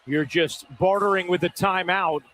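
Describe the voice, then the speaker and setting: A man's voice: sits high, steady tone, a bit bright. Man calling basketball play-by-play. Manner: brisk, measured play-calling. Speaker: play-by-play commentator. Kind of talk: televised basketball commentary. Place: courtside at an arena.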